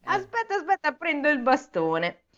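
A woman voicing an unhurried old male abbot who speaks in a calm, drawn-out way, on a dull lo-fi recording. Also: high voice, pitched above the performer's own voice.

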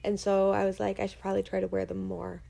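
A woman's voice: mid-range voice, completely flat delivery, quick pace, gravelly, warm tone. A woman in her twenties co-hosting a podcast in casual chat, telling stories in a rambling, self-deprecating way. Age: 20s. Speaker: podcast co-host.

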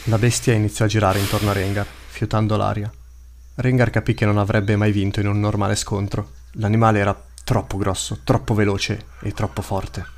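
A man narrating a dark fantasy hunting tale in a measured, dramatic way. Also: on the low side, flat delivery, a little hiss or hum. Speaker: storyteller. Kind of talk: scripted narration.

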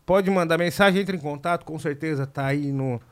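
A man's voice: a little high, fairly quick. A man hosting a podcast, upbeat and slangy, talking straight to the listeners. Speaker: podcast host. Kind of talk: casual podcast chat.

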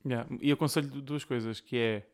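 Fast-talking young man, European Portuguese accent. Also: mid-range voice, fairly even intonation. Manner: slangy, repeats phrases. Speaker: podcast co-host. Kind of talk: casual chat between friends.

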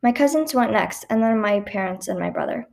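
A woman reading her own personal story aloud in a lively, expressive way, with a few small stumbles. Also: medium pitch, brisk, gravelly.

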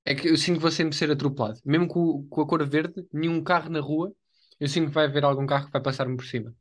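Fast-talking young man. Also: fairly high pitch, fairly even intonation. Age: young adult. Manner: slangy, emphatic repetition. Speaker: podcast co-host. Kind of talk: casual chat.

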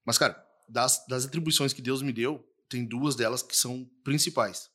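A man's voice: medium pitch, fairly even intonation, normal speed, sharp tone. A man, a pastor on a podcast, earnest and affirming as he states his points firmly. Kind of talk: casual podcast chat.

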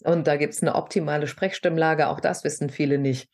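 A woman with a notably low, grounded speaking voice talks as a guest on a podcast. She is a middle-aged voice coach from southern Hesse who explains things in an animated, teacherly way. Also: a little fast. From southern Hesse, Germany. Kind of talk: podcast interview conversation.

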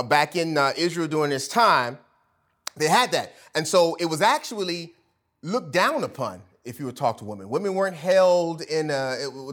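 Male pastor, high voice, emphatic sermon delivery with loud peaks and hushed drops, casual fillers. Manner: preachy, emphatic, rising to loud peaks and dropping to near-whispers; casual speech with fillers and self-corrections.

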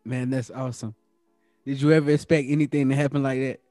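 A man's voice: mid-range voice, level tone, quick pace, dark tone, no room sound, clean studio sound, faint music behind. A man hosting an interview podcast, giving brief, encouraging reactions and asking questions. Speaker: podcast host. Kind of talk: casual interview.

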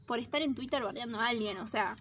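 A woman's voice: fairly high pitch, fast talker, fairly bright tone. A young woman with a Rioplatense accent, co-hosting a casual podcast, speaking in a blunt, crude, opinionated way. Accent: Rioplatense Spanish. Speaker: podcast co-host. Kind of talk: casual chat.

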